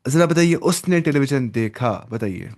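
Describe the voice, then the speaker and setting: A man's voice: mid-range voice, lively intonation, darkish tone. A male language teacher in an online lesson, who drills phrases, repeats them and prompts his student to answer. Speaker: Arabic teacher.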